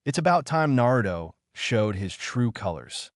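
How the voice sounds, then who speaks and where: A man reading the lines of a calm adult ninja teacher, dry and matter-of-fact. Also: medium pitch, a little slow, no echo.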